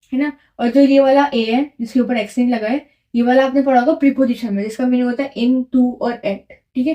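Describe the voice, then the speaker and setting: High, mellow-voiced woman teaching French. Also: highs cut off. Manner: repeats key words with quiz questions; mixes English words into Hindi. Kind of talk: classroom-style lesson explanation.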